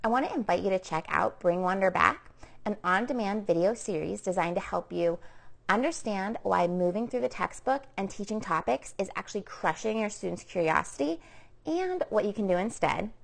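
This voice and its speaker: Woman podcast host doing an upbeat promo read, a bit of vocal fry. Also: mid-range voice, lively intonation, moderate pace. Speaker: podcast co-host, science teacher. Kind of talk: scripted promo and show intro.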